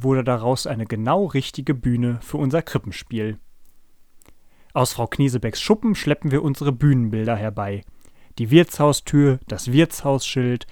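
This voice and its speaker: A man hosting a podcast and reading a children's story aloud in a calm, even way. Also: medium pitch, no echo, clean studio sound. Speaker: podcast host and story reader.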